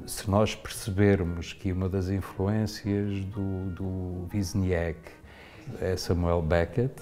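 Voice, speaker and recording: A man's voice: low voice, flat delivery, takes it slowly, mellow, faint music behind. A man in an interview, explaining a theatre piece thoughtfully, with frequent tag questions.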